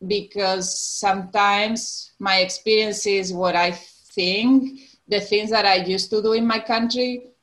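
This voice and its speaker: A woman with a slightly bright mid-range voice and a Spanish accent, in her forties and from the Canary Islands in Spain, is a podcast guest. Her casual interview is punctuated by frequent laughter and sentences she begins again.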